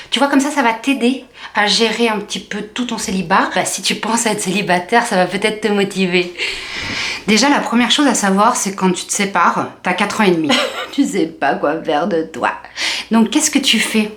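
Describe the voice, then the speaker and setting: A woman's voice: mid-range voice, brisk, a bit bright. A woman comedian giving a chatty, teasing comic monologue straight to the viewer. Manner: chatty, direct address, teasing. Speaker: comedian vlogger.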